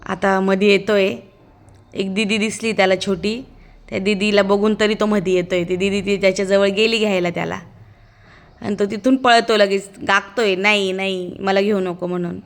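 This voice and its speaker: Chatty aunt doing a vlog voiceover, amused running commentary, medium pitch voice. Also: female voice, fairly even intonation, normal speed. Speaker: vlogger, the child's aunt. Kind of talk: casual vlog voice-over narration.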